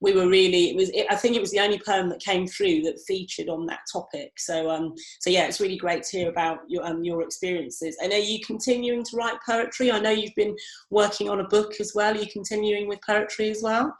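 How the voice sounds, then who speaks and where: This woman, from Britain with family from Barbados, organises competitions and hosts events, here interviewing someone online via video call. Her medium pitch stays fairly even and she talks fairly quickly, friendly and encouraging but heavy on fillers like "um". The sound is roomy and the audio poor.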